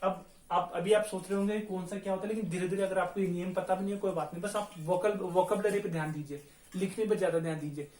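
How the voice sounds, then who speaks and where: A man from India teaching a Spanish lesson, who patiently repeats words slowly to drill pronunciation. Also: sits high, fairly even intonation, darkish tone. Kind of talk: online language lesson. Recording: echoey room, faint noise.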